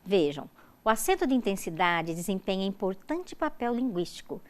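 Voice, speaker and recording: A woman's voice: mid-range voice, big pitch swings. A woman from Brazil giving a recorded university lecture, explaining rules step by step and checking in with her students often. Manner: stresses example words slowly and loudly. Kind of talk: recorded distance-learning lecture.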